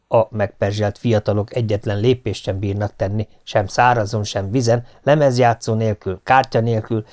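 A man's voice: medium pitch, darkish tone. A male audiobook narrator with an ordinary mid-range voice. He tells a comic family story in a dry, mock-solemn way. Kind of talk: scripted narration.

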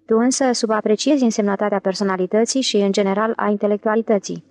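A woman's voice: medium pitch, fairly even intonation, darkish tone, dry recording, natural voice. A woman voicing a middle-aged intellectual husband, nasal, whiny and melodramatic, wailing in self-pity. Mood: pompous.

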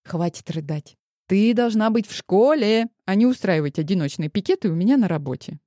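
A woman's voice: medium pitch, expressive, fairly quick, dark tone, no echo, studio quality, close to an everyday voice. A woman playing a firm, sarcastic mother. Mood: soothing. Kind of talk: audiobook character voice.

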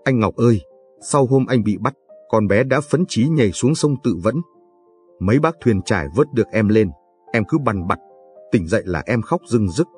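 A man's voice: fairly low pitch, lively intonation, normal speed, a little mellow, lightly acted. A man reading the part of a grief-stricken elderly mother who pleads through tears, in an audiobook narration. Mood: tearful pleading. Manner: tearful, pleading. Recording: dry, faint background music.

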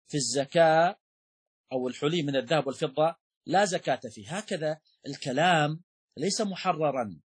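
A man teaching a lesson on Islamic jurisprudence in a measured, explanatory way, repeating key terms and pausing with fillers as he thinks. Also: on the high side, slightly rough. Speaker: sheikh teaching Shafi'i jurisprudence. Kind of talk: religious lesson, explanatory lecture.

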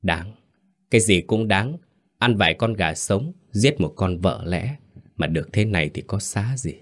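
A man's voice: lowish voice, lively intonation, a little slow, a bit bright. Man putting on a sobbing, scheming second wife. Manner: sobbing, choked wailing. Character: scheming second wife, feigning tearful grief.

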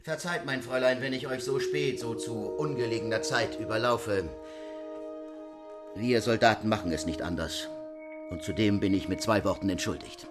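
A man's voice: lowish voice, music in the background, natural voice. A man reading a proud soldierly count. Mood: courtly. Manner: measured, courtly and emphatic. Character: proud soldierly male count, guards colonel.

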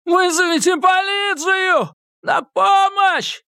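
A shrill, breathless male thug, cornered and bleeding, his voice jumping high as he whines and begs, as a male reader puts him on. The sound is close and dry, with lively swings in pitch. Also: takes it slowly, husky, no room sound, exaggerated voice. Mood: screaming. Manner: shrill, pleading and screaming. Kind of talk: audiobook character voice.

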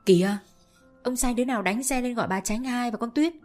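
A woman voicing a commanding middle-aged senior wife in a spoken story, giving brisk orders to the household. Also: a little high, darkish tone, soft background music, voice pushed up, natural voice. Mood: urgent.

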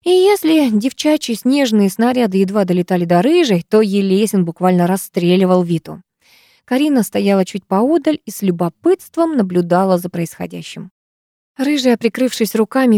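A woman narrates a first-person audiobook with a warm, mellow voice. Her reading is lively and expressive. The sound is close and dry. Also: medium pitch, normal speed, dry recording. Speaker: audiobook reader.

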